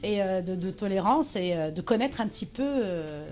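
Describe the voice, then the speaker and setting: A Moroccan woman who presides over an association is the guest in a casual interview, talking with many fillers and restarts. Her mid-range voice is slightly mellow, with lively intonation and a moderate pace, and there is slight background noise.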